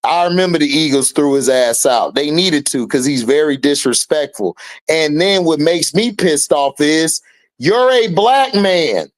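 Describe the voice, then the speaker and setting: This man in his thirties hosts an online sports and commentary stream, reacting to chat with casual, opinionated takes. He's blunt and heated, swears freely, and gets loud when riled. His voice is a little high, with lively intonation and a measured pace.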